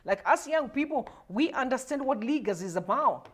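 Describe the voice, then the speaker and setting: A woman's voice: sits high, animated, brisk. A woman in her forties from Zimbabwe, hosting a livestream with emotional, repetitive political commentary addressed straight to her viewers. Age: 40s. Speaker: livestream host.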